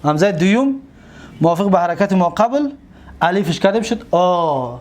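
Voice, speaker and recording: A man's voice: high-pitched, expressive, a little mellow. A man teaching Arabic grammar, drilling word forms over and over and asking questions that he then answers himself. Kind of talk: classroom-style lecture.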